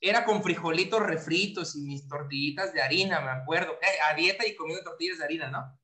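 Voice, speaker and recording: A man telling his side of a story in casual chat, in a self-pitying, animated way. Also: fairly high pitch, brisk.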